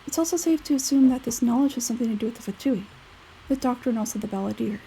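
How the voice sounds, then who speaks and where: A woman reads video game dialogue as an aloof young male scholar from a fantasy game, her tone mellow and soft-edged, her delivery measured, detached and matter-of-fact. Her voice is a little high and creaky, and the poor audio carries faint background noise.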